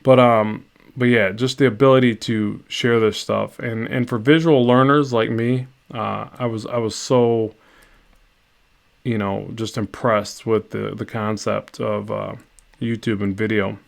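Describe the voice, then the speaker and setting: A man's voice: fairly low pitch, steady tone, unhurried, gravelly. A middle-aged man chatting casually and rambling while painting on a live stream from his home studio. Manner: rambling, self-deprecating, many restarts.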